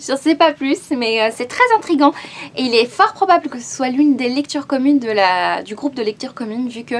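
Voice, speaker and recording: A woman chats about her latest book purchases in a relaxed vlog. Her voice sits a little high, and she hesitates often, scattering fillers through each sentence. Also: moderate pace. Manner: chatty and hesitant, with frequent fillers. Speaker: book vlogger. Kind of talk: casual book haul chat.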